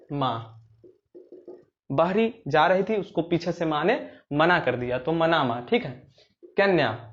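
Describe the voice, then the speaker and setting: A man's voice: on the high side, dull audio. A young man teaching exam memory tricks, telling playful little stories and acting out scenes in rustic dialect. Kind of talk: explaining memory tricks for exams.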